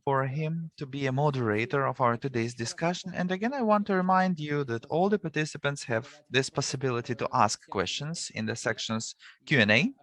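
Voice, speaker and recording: A man working as a live simultaneous interpreter at an online seminar, rendering the speakers into English over a video call. He talks haltingly, with restarts and self-corrections as he keeps up. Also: medium pitch, a bit bright.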